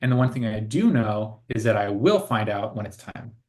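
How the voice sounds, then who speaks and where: A man's voice: lowish voice, animated, normal speed, a little mellow. A man co-hosting a casual spiritual conversation, speaking in an earnest, reflective way and laughing often. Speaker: co-host.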